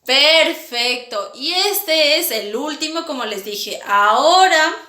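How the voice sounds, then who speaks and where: A woman teaching young children about sounds, imitating each one in a slow, sing-song way. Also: high-pitched, expressive, bright, forceful tone. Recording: echoey room.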